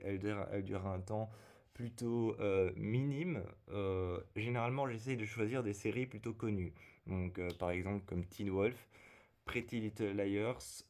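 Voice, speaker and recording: A man chatting casually in a halting vlog style, his voice strained and unwell like a zombie's from a lung problem, hesitating as he searches for words. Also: fairly low pitch, darkish tone. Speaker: video creator and fanfiction writer presenting to camera.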